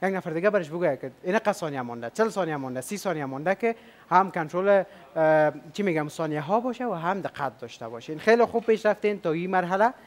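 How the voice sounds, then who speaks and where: High-voiced upbeat Afghan Dari game show host. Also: male voice, expressive. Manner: upbeat, chatty, coaxing contestants with questions. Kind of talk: lively game show hosting.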